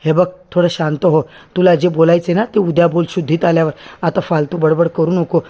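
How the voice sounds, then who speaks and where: A man's voice: fairly high pitch, level tone, brisk, warm tone, close to an everyday voice. A man voicing a stern, scheming mother who scolds her drunk brother. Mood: scolding.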